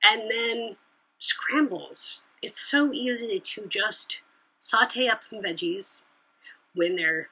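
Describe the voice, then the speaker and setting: Bright, breathy woman chatting casually. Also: medium pitch, lively intonation, slow, low-quality recording. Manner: chatty, laughs often, trails off and restarts. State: hiccuping. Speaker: podcast host. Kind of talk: casual solo chat.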